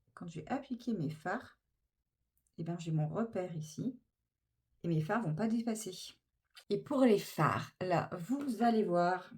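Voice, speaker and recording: A woman's voice: mid-range voice, darkish tone. A woman chatting casually through a makeup tutorial, gushing with enthusiasm over each product. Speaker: beauty vlogger.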